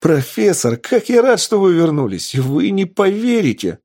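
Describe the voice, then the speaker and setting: A man's voice: lowish voice, expressive, takes it slowly, dark tone, husky, no echo, clean studio sound, full character voice. A man doing a breathless, eager young lab assistant. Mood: excited.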